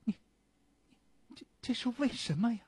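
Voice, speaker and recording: A man voicing an anxious elderly woman visiting a prison, asking pleading, tearful questions in a husky voice. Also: on the high side, very animated, measured pace, no room sound, heavily acted.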